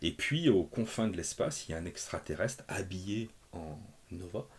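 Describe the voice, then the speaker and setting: Low-voiced man reviewing comics, hesitant. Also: a little mellow, a little hiss or hum. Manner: hesitant, many filler pauses; chatty and self-mocking. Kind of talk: casual spoken review.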